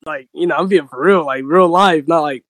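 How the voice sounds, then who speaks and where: A man's voice: on the high side, a little fast, fairly bright tone, dry recording, studio quality. A man in his twenties chatting on a podcast, hesitant and full of fillers. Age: 20s. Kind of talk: casual chat.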